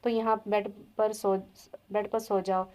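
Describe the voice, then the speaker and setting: Woman reads a firm, tender young husband; monotone audiobook delivery. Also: sits high, measured pace. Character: young man, stern then tender husband.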